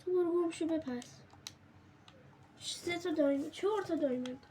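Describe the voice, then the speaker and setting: A woman streamer talks through her game in a high, bright voice. She's jokey and excitable, swinging from yelps and laughter to hushed whispers. A faint hum of room noise and keyboard typing sits behind her. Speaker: gaming streamer. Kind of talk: casual let's-play commentary.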